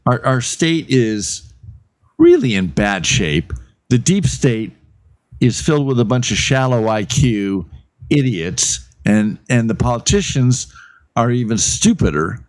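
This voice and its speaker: A man's voice: medium pitch, very animated, takes it slowly, no echo. A man giving exasperated, blunt political commentary on a talk show.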